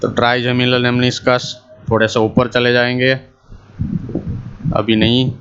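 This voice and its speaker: Slow-speaking lecturer, man. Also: mid-range voice, completely flat delivery, a bit bright, smooth. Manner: mixes Hindi and English, walks through a diagram step by step. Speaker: anatomy lecturer. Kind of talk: slow, deliberate medical lecture. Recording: muffled, slightly lo-fi screen recording.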